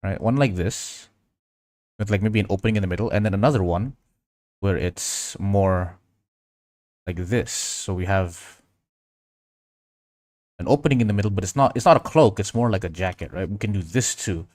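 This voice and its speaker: A man from Indonesia hosts a casual livestream tutorial, thinking aloud as he works and reading out and answering viewers' chat. His voice is deep and darkish in tone, at normal speed with long pauses, recorded with studio quality and no room sound.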